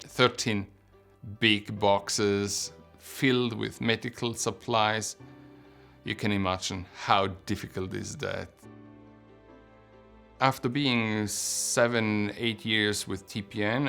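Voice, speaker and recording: Slow, low-voiced man with Swiss German accent. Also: vocal fry, a bit bright. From Switzerland. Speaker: patient telling his story. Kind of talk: personal testimonial narration.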